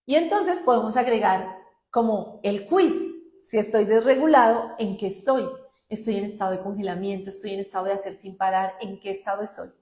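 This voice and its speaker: A middle-aged woman, speaking conversationally as a guest about calming the mind, lively and acting out quoted voices. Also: fairly quick, reverberant. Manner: animated, acts out quoted voices with high-pitched outbursts. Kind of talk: conversational talk.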